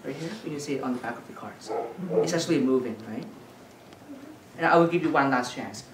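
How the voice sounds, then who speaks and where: Low voiced lady doing a magic show at a kids party, asking and instructing, noisy background, distant mic. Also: fairly quick, reverberant. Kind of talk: live magic show patter for children.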